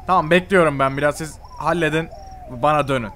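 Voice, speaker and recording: A man's voice: a little high, brisk, fairly bright tone, a little hiss or hum. A young man role-playing a game story with comic exasperation and lots of exclamations. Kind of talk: comedic game role-play commentary.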